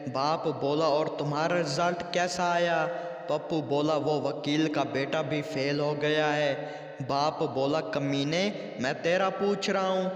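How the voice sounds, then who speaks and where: Slow, echoey man telling jokes. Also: fairly high pitch. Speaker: joke narrator. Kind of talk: reading jokes aloud. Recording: echoey room with long reverb.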